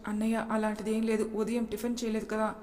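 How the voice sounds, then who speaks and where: Hurt young wife, quiet and withdrawn, level high voice, done by a woman narrator. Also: completely flat delivery, fast talker, long reverb tail, natural voice. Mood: reassuring.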